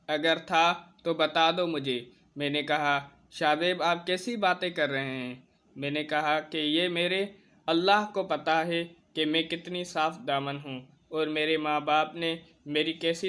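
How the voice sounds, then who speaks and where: A man narrating a personal account in the first person, in a steady, earnest storytelling manner. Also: fairly high pitch.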